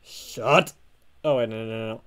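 A man voicing an angry young male hero who shouts at a villain. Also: mid-range voice, moderate pace, clean tone, voice pushed down, lightly acted. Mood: outraged. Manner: shouting, outraged. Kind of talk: amateur voice acting on a livestream.

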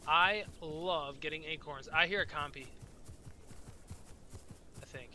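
There's a little hiss or hum behind this man's fairly high, sharp-toned voice, and he speaks slowly. Streaming a game, he rambles to chat, swears a lot, and comes across tired, yawning as he goes.

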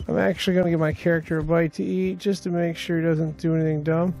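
A man's voice: on the high side, level tone, fast talker, vocal fry, a little mellow. A man giving casual commentary as he plays a video game. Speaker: gaming video host.

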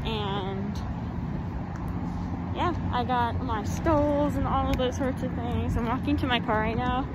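A woman's voice: a little high, a little slow. A young woman in her late teens chatting casually and rambling to her vlog. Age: late teens, young adult. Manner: rambling, with frequent "like" and "you know". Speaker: student vlogger. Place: outdoors walking, then inside a parked or moving car. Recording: distant mic, loud car and outdoor noise.

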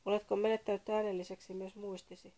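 A woman's voice: medium pitch, little pitch movement, mellow, lightly acted. A woman voicing a fussy male caller who lectures about history in a read-aloud story, prim and indignant. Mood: lecturing.

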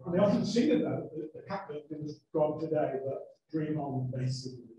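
Male speaker, high pitch, chatty Q&A answers, ums and laughs, echoey room. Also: animated, a little fast, warm tone. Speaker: guest speaker on sea shanties. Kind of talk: answering audience questions. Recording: roomy echo.

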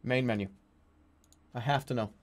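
A man's voice: mid-range voice, fairly even intonation, normal speed. A man giving casual, sweary gameplay commentary as a streamer, exasperated and sarcastic. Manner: exasperated, profane, sarcastic ranting. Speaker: video game streamer.

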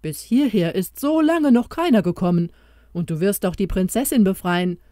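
A woman's voice: mid-range voice, animated, moderate pace, warm tone, dry recording, clean studio sound, close to an everyday voice. A woman voicing an old king bewitched into a small crowned mouse, who comforts and urges the hero in a storybook tale. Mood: earnest, urging. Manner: comforting, urging.

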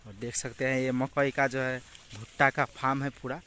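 Holding his phone out in open farm fields, a young Bihari vlogger from Bihar, India gives a casual tour, pointing things out and explaining them repetitively. His medium-pitched voice is level, pushed and bright at a normal speed, and rural outdoor noise comes through clearly.

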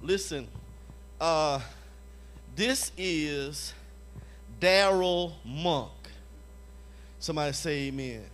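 A conference evangelism leader preaches to a live audience in a church hall, his slightly high, somewhat bright voice stretching out words between long pauses. He's emphatic and repetitive, regularly calling out "Amen?" to the crowd.

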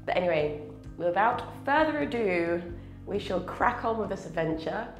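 Her mid-range voice is expressive and moves at a normal speed, with reverb and faint music in the background. She's a woman in her thirties from Scotland, congested and a bit nasal from a cold, vlogging casually to camera with lots of laughter. A lapel mic picks her up in a small wooden cabin and later in a car.

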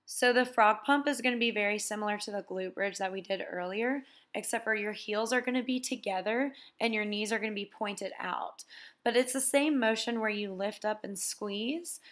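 A young woman walks the listener through a gym routine in an easygoing, conversational voice-over. She talks in a relaxed, chatty way and keeps explaining each move plainly. Her pitch sits in an ordinary middle range. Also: normal speed. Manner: relaxed, chatty instruction with "basically" and "so". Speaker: fitness vlogger. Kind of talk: casual workout walkthrough voice-over.

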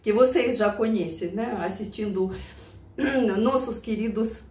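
Her medium-pitched voice is dark in tone and measured in pace as this Russian-accented Siberian song-reaction vlogger casually shares old memories. She laughs often, turns emotional and speaks warmly to her viewers. She's recorded from far away in a roomy space.

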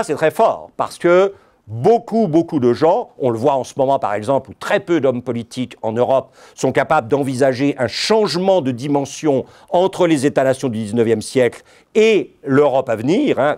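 In a lecture hall, a middle-aged Frenchman whose first language is French gives a university-style history lecture. He's digressive and ironic, often making asides to his audience, and his voice is medium-pitched with a darkish tone.

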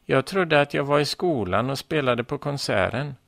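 A man's voice: medium pitch, expressive, gravelly, a bit bright, no room sound, pitched above the performer's own voice. A man voicing a flustered schoolgirl, sighing and rueful, in a children's story. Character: flustered schoolgirl who fears her recital. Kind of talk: storybook reading.

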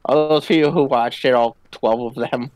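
This man speaks at a normal speed with a steady, medium-pitched, slightly mellow voice and no echo. He chats casually and cracks playful jokes while playing a co-op game, gunfire and game ambience audible underneath.

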